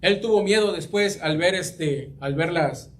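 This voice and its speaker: Preaching a sermon in a voice pitched slightly high, a man reads scripture aloud. His delivery is halting, as he often repeats a word while searching for the next one, and he keeps addressing the congregation as his brothers.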